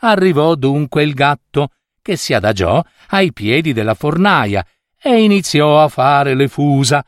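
A man reading a fairy tale aloud in an expressive, playful way. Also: a little high, unhurried, no room sound, studio quality. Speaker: storyteller.

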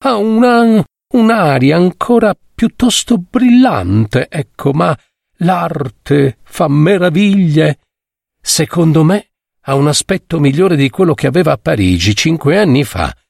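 A man voicing a gossiping gentleman friend in a story reading, arch and teasing, with a slow drawl. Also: on the high side, animated, creaky, dry recording, clean studio sound, voice pushed up, full character voice. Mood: sly. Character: gossiping male society friend, sly and mocking.

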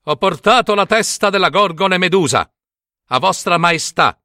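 A man's voice: sits high, animated, moderate pace, sharp tone, no room sound, clean studio sound, pitched above the performer's own voice. A man voicing a brave, earnest young male hero in a storybook reading. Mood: defiant.

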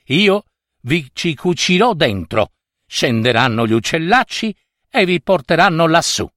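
Storybook wise old woman, firm and measured, man putting her on, lively pitch. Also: no echo, clean studio sound. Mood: instructing. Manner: firm, slow, instructing.

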